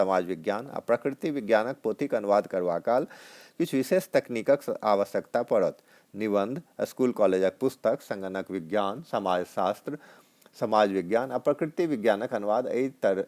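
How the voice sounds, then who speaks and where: A man giving an exam-prep lecture, reading in a measured, list-like way with occasional restarts. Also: mid-range voice, a little mellow. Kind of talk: read-aloud exam lecture.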